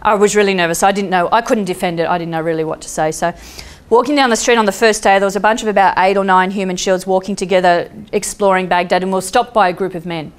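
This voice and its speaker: An Australian woman telling a story on stage, lively and acting out the voices of the people in it. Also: mid-range voice, fast, few pauses, smooth. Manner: lively, acts out voices and laughs at her own jokes. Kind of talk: live storytelling talk. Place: stage before an audience.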